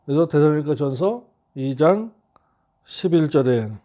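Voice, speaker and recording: A middle-aged male pastor preaching a sermon, telling a story and reading scripture slowly and earnestly. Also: on the high side, lively intonation, mellow.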